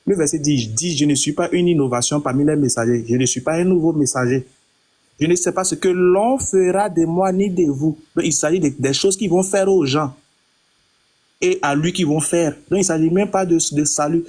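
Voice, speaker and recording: A man with a slightly high, husky voice speaks in a live-stream debate. He recites a passage and then takes it apart point by point, patiently. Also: moderate pace, darkish tone. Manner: recites verses, then explains them patiently.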